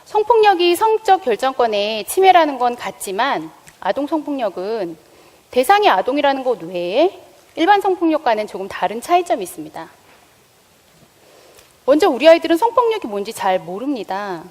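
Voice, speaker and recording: A woman's voice: sits high, very animated, moderate pace, a little mellow. Woman lecturing in an echoing hall. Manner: engaging, asks the audience questions. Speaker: school health teacher. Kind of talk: public lecture. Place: lecture stage before an audience. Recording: long reverb of a lecture hall.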